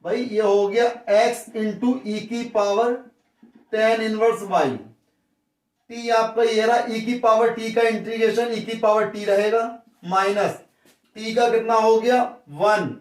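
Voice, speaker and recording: High-voiced man teaching maths, roomy echo. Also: steady tone, takes it slowly, recorded from a distance. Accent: Hindi as spoken in western Uttar Pradesh. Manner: talks through steps, addresses viewers as brother. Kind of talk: worked-solution lesson.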